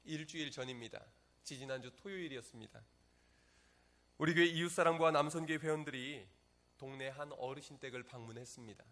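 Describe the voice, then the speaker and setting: A man preaching a Sunday sermon as pastor, moving from calm storytelling to fervent, impassioned prayer. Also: mid-range voice, creaky. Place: church sanctuary.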